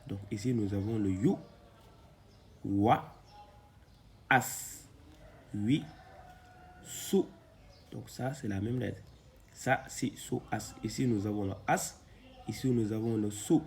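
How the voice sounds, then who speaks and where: A man teaching a reading lesson, slowly sounding out syllables and repeating them patiently. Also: fairly low pitch, steady tone, mellow, slight background noise.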